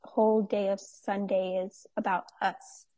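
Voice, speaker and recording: A woman's voice: mid-range voice, flat delivery, a little slow, mellow. A woman in her twenties chatting as an interview guest, full of fillers and easy laughs. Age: 20s. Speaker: guest, nonprofit owner. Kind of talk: casual interview chat.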